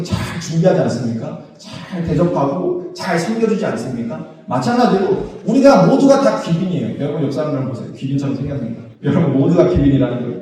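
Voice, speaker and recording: A man's voice: a little high, dark tone. A man, a pastor, preaching a sermon and asking his congregation questions, then answering them himself. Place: church sanctuary. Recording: echoey church hall, voice from a distance.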